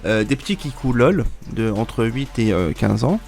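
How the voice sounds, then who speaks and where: A man in his twenties with a creaky, darkish mid-range voice talks very animatedly at a measured pace over soft background music. Stuffy from a cold, this YouTuber rambles casually to his viewers in vlog style, full of fillers and restarts.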